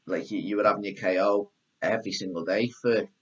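Low-voiced host, lo-fi sound. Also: male voice, fairly quick. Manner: relaxed, repeats words, lots of "like". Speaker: host, personal trainer. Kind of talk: casual podcast chat. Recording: dull lo-fi audio.

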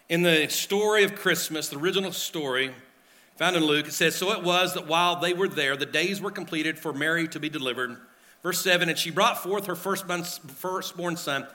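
A pastor with a drawl delivers a sermon through a pulpit microphone in a church sanctuary. His voice is sharply bright and forward. He talks earnestly, circling back over his phrases with plenty of filler words. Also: a little high. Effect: speaking at a pulpit microphone.

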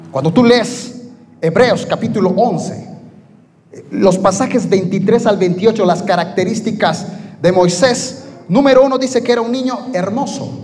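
High-voiced man preaching in a hall. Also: darkish tone. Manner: storytelling, laughs often, repeats words. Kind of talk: sermon with personal testimony.

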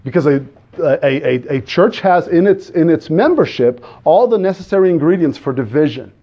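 The speaker is a guest preacher, a native Portuguese speaker from the Azores with a Portuguese accent, and his voice is a little high and animated. He gives his sermon in an earnest, halting way, frequently starting over and asking the congregation questions, captured on dull audio.

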